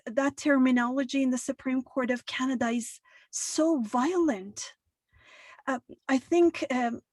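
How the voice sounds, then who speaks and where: Measured female panelist, high pitch, dry close audio. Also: no room sound. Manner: measured, hesitant with many fillers. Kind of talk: online panel discussion. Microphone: video call.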